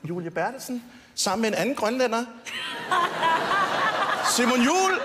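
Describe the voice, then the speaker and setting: A man's voice: extremely high pitch, big pitch swings. A man giving a roast speech on stage, teasing the guest and laughing at his own jokes. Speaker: roast speaker. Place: TV studio stage with audience. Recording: long hall reverb, faint noise.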